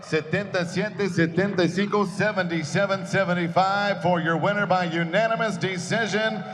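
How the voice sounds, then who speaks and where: A man's voice: high voice, steady tone, fairly bright tone. A man making bilingual boxing ring announcements in a grand, lucha libre announcer manner. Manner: grand lucha libre-style announcing with drawn-out winner call. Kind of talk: bilingual fight announcing in Spanish and English. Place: boxing venue in a theater. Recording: echoing arena PA, clearly noisy.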